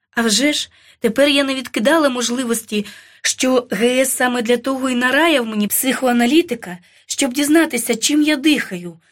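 A woman reading a first-person novel aloud, with tense, ironic, dramatic narration. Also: a little high. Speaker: audiobook narrator.

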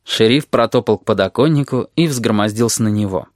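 Expressive audiobook narrator, dry sound. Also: mid-range voice, fairly quick, no room sound. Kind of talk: scripted narration.

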